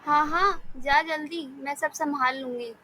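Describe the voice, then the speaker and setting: A woman voicing a kind, selfless young woman in a cartoon story, speaking in a gentle, reassuring way. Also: sits high, measured pace. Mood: urging.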